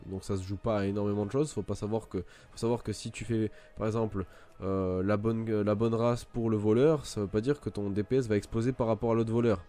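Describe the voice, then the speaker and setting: A man's voice: lowish voice, dark tone. A man giving a casual, rambling game tutorial, full of fillers and restarts. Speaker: gaming video creator. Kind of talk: casual gameplay tutorial commentary.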